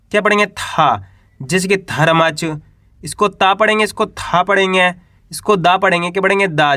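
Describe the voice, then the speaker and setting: A man teaching the alphabet, patiently drilling each letter with questions and examples, dropping lower and slower as he says each letter. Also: sharp tone, no room sound, clean studio sound. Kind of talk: classroom-style lesson, repeating letters and examples.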